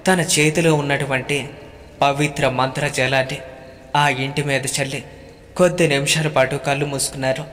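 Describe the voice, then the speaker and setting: A man telling a first-person horror story in a steady, measured storytelling voice. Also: mid-range voice. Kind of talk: scripted horror narration. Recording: long reverb with faint background music.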